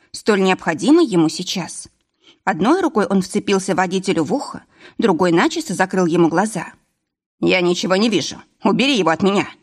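A woman narrating an audiobook of comic fiction, telling the story in a lively, expressive way. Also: medium pitch. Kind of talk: scripted narration.

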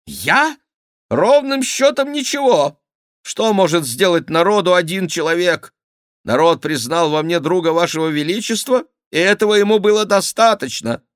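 A man voicing an agitated young royal favourite who shouts his outraged complaints. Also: sits high, lively intonation, normal speed, dry recording, studio quality, voice pushed up. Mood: indignant.

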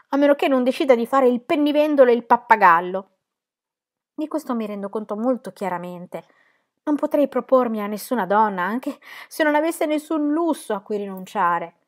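A woman's voice: fairly low pitch, darkish tone, natural voice. A woman reading aloud, voicing a proud, poor young man in love who bursts out in bitter anger.

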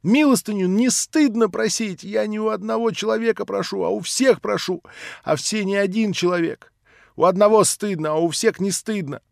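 A man doing a shrill, defiant orphan girl. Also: normal speed, gravelly, no room sound, clean studio sound. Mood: hysterical. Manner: shrill, tearful outbursts.

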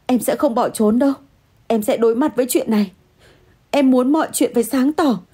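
A woman voicing a frightened young woman who pleads in a high, tearful voice. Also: brisk, dark tone, husky. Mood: defiant. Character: young woman, frightened, then stubbornly honest.

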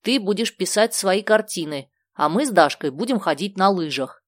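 A woman voicing a brisk, decisive adult woman who speaks firmly. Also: medium pitch, animated, no echo, clean studio sound, natural voice. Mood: bossy. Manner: firm, commanding.

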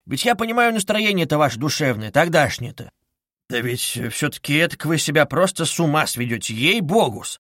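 A sly, fawning middle-aged investigator, as a male reader plays him coaxes and insinuates in a wheedling, drawn-out way. The voice sits a touch high, and the recording is dry and close. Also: sing-song, fairly bright tone, no room sound. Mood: insinuating.

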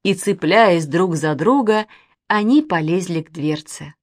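A woman narrating a children's storybook in an expressive, unhurried way. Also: lowish voice, no echo, clean studio sound. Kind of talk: storybook reading.

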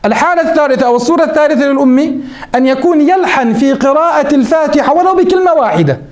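A man's voice: very high voice, expressive, racing, echoey room. A man teaching a lesson on Islamic jurisprudence, quoting the text and then explaining it with rhetorical questions.

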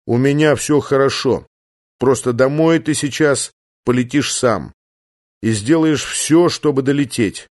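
A resigned, steady pilot , as a male reader plays him, speaking low and quiet over the radio. He stays calm and unhurried with no panic in his voice. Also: no echo, studio quality, natural voice.

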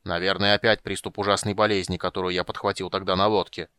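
A man's voice: low voice, level tone, quick pace, sharp tone, smooth, dry recording, clean studio sound. A man reading the part of a grumpy old dwarf who blusters with indignation. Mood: indignant.

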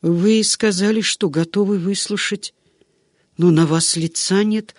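A man voicing a long-winded old female servant who tells everything slowly and in order. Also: high voice, fairly even intonation, no room sound, studio quality. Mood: garrulous. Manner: rambling, drawn-out storytelling.

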